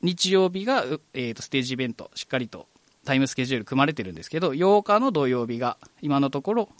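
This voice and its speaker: A man's voice: mid-range voice, animated, fast, dry recording. A man hosting a live radio program, speaking with a Kagoshima accent in a chatty, friendly way. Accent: Kagoshima dialect. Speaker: radio host.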